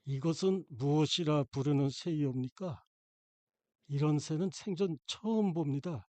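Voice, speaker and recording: A man's voice: fairly high pitch, unhurried, mellow, no room sound, lightly acted. A man voicing a timid, polite young male apprentice who speaks hesitantly in an audiobook.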